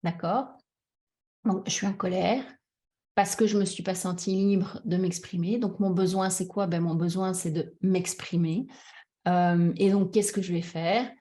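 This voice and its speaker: A woman's voice: fairly low pitch, steady tone, measured pace, dark tone. A woman coach giving a talk on emotions in French, speaking directly to her audience with frequent fillers and restarts. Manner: hesitant, many restarts and fillers; addresses audience directly, checks understanding. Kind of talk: conference talk, personal examples.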